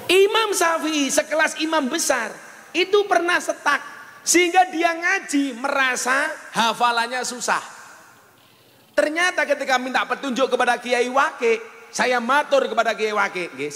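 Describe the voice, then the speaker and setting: A man's voice: extremely high pitch, bright, forceful tone, in a large hall. A man with a Javanese accent preaching a humorous sermon, mixing Javanese and Indonesian and acting out the voices in his stories. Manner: jokey, switches between Javanese and Indonesian, acts out voices. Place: large venue before an audience.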